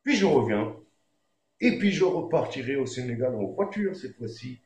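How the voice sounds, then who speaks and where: A man's voice: mid-range voice, sing-song, normal speed, a little mellow, roomy sound. A man who is a reggae singer and comedian, telling a story in a laid-back, slangy way with frequent fillers. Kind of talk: casual storytelling.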